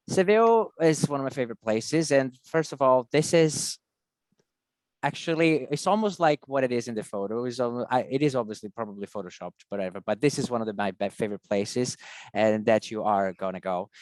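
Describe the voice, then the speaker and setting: A man's voice: mid-range voice, moderate pace, darkish tone, clean tone, no room sound, low-quality recording. Man hosting online meeting, dry close sound. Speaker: meeting host. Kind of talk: informal online presentation. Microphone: video call.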